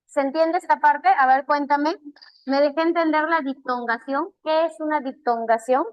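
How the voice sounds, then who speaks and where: A woman with a Peruvian Spanish accent teaching an online language class, patiently repeating key terms slowly. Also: sits high, no room sound, lo-fi sound.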